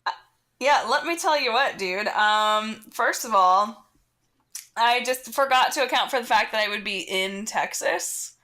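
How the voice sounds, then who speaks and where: A woman's voice: a little high, animated, a little slow, bright, forceful tone. A young woman co-hosting a comedy podcast, telling a story in casual chat, acting out the dialogue and laughing often. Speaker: podcast co-host.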